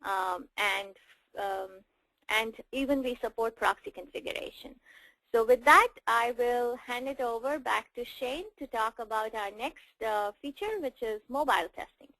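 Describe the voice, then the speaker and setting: Female webinar presenter, fairly high voice with a gravelly edge, many "uh" fillers. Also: a little slow, a bit bright, no echo, rough recording. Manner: explains with frequent "uh" fillers. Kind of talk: technical product webinar.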